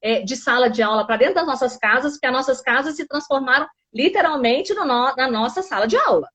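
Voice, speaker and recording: A woman's voice: high voice, animated, a little fast, fairly bright tone. A woman with a Brazilian Portuguese accent, a teacher chatting earnestly and agreeably on a live stream. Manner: agreeable, earnest, many fillers. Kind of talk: casual live-stream chat.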